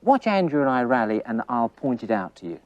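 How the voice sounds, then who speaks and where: A man's voice: mid-range voice, sing-song, fairly quick, background noise. A man coaching tennis on court, asking his pupils coaxing questions and counting rally hits aloud. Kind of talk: on-court teaching demonstration. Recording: dull lo-fi old TV recording.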